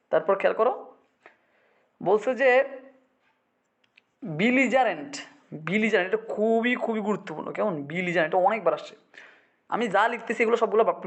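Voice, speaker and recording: A man's voice: high voice, vocal fry. A male English teacher from Bangladesh drilling vocabulary in a classroom, repeating words and quizzing his students.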